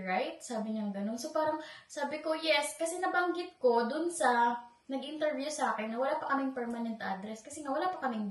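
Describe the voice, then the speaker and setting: A woman from the Philippines, a vlogger, chatting confidingly as she tells her viewers a story. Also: on the high side. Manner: chatty, confiding, keeps addressing viewers directly. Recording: echoey room, voice distant from mic.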